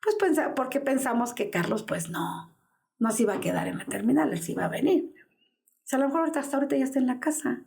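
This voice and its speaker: Her voice sits high, with vocal fry and a darkish tone, and she talks quickly and animatedly. She's a woman in her fifties with a Mexican Spanish accent, interviewed as a missing man's mother, recounting an anguished testimony that acts out the dialogue.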